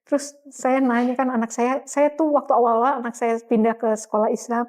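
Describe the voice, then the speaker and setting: Chatty middle-aged woman, higher voice. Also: little pitch movement, a little fast, darkish tone. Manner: chatty, laughs often, many fillers. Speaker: guest sharing her conversion story. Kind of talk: casual conversational interview.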